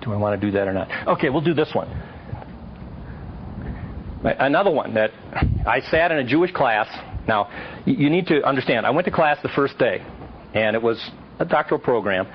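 Animated man teaching an audience. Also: mid-range voice, normal speed, pauses often, a little hiss or hum. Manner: lively storytelling, quizzing the audience. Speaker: Bible teacher. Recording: dull lo-fi recording.

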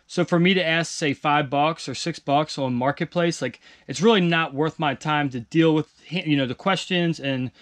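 Male vlogger, slightly high voice, casual rambling walkthrough, basement stockroom. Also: normal speed, few pauses, fairly bright tone. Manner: loose, rambling, many fillers. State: out of breath. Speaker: online reseller vlogger. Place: home basement storage room.

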